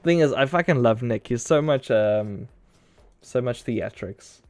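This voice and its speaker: Guy streaming, swearing a lot, rambly stories, dry close sound, normal pitch. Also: animated, unhurried, no echo. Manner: loose, profane storytelling with acted-out quotes. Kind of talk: casual live-stream chat.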